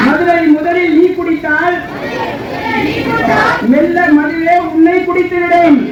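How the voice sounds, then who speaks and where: A man leading an outdoor rally, shouting chanted slogans through a megaphone for the marchers to repeat. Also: very high-pitched. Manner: shouted call-and-response chanting. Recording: distant lo-fi echoey street recording with a loud crowd. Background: loud crowd and street noise.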